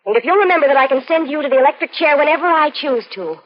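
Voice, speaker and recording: Scheming fiancee in old radio drama, high husky voice, very swoopy and dramatic, muffled sound. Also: female voice, expressive, very fast. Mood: cold, calculating. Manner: calculating, clipped, dramatic. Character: cold, scheming, blackmailing young fiancee. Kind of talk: 1940s radio suspense acting.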